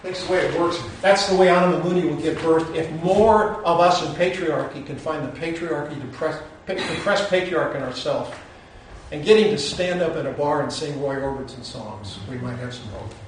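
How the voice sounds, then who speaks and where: A man's voice: a little high, moderate pace, slight background noise. A man giving a digressive, musing lecture, often restarting his sentences. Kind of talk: rambling lecture. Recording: very echoey hall, from far off.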